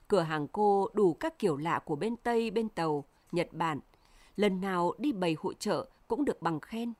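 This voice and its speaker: A woman narrating a memoir in a slow, measured, mournful reading voice. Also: medium pitch, a little mellow, no echo. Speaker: audiobook narrator.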